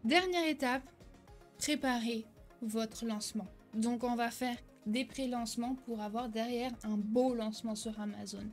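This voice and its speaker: A woman's voice: fairly high pitch, a little slow, faint music behind. A young woman giving a direct-to-camera tutorial as an online selling coach, talking energetically with frequent "ok?" check-ins and a few hesitations and self-corrections.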